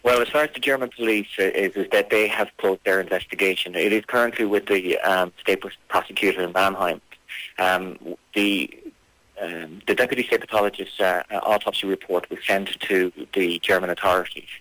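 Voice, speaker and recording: A man being interviewed on radio as a campaigner, speaking formally and insistently, with halting phrasing. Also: low voice, steady tone, pushed and bright, poor audio.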